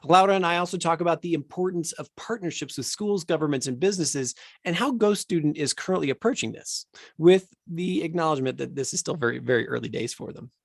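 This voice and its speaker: A man hosting an education podcast reads a scripted intro, then shifts into enthusiastic chat full of restarts. His voice is a little high, fast, and gravelly, recorded clean in a studio with no echo.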